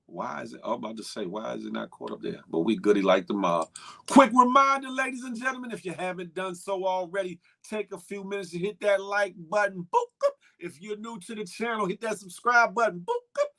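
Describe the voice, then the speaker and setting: A high-pitched, somewhat creaky male voice talks a little fast. He hosts a casual live-stream talk show, excitedly shouting out viewer names and chatting loosely with recurring catchphrases.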